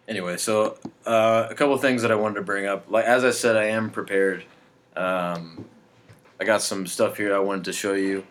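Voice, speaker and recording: A man co-hosting a casual comedy podcast, deadpan and halting, with many fillers and restarts. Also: lowish voice. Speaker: podcast co-host.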